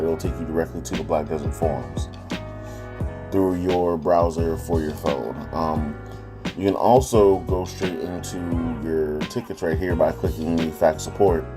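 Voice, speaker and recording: A man hosting a casual walkthrough of a game app, talking loosely with frequent ums and self-corrections, his voice captured as low-quality phone audio. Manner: loose and chatty, frequent ums, corrects himself mid-sentence. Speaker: gaming channel host. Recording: low-quality phone recording with guitar music behind.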